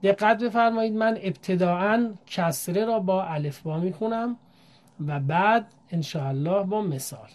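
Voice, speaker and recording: Woman teacher, native Persian speaker, slow careful lesson, patient letter-by-letter drills. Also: medium pitch, a little mellow. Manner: slow, careful, polite teaching with drawn-out repetition of letter sounds. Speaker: Arabic reading teacher. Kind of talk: recorded lesson.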